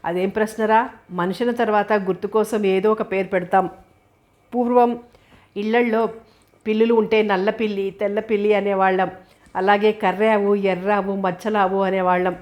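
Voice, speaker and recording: A woman's voice: mid-range voice, steady tone, normal speed, a little mellow, natural voice. A woman voicing a fussy, doting old grandmother who coaxes and chides at length. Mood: chiding. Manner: coaxing, chiding, long-winded.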